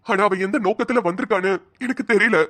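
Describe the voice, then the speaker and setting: Voice actor doing a firm young tamil husband in a cartoon, mid pitch, dry close mic. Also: fast talker, a bit bright, dry recording, lightly acted. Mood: earnest. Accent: Tamil Nadu colloquial Tamil. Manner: earnest, questioning, firm. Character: earnest, principled young husband.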